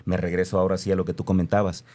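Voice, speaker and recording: Earnest Mexican man, low mellow voice. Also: flat delivery, very fast. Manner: earnest, emphatic, repeats phrases for stress. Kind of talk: reflective conversation.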